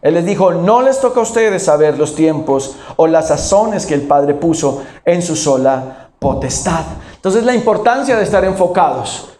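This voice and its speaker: A male pastor with a high voice preaches to his congregation. He keeps asking questions and answers them himself. The echo of a large church hall carries his voice. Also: animated, moderate pace, mellow. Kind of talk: sermon.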